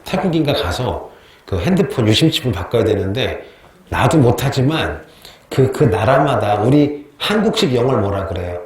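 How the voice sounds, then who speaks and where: Lively male teacher in an echoey classroom. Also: mid-range voice. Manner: asks questions and answers them himself, repeating key terms; chatty, tells joking anecdotes. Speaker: history teacher. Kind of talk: classroom history lecture with quiz questions. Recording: very echoey classroom with faint noise.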